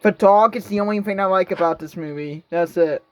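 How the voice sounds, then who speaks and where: A man's voice: high voice, a little fast. A young man giving casual, sarcastic commentary on a horror movie, rambling and mocking as he watches. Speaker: reaction video host.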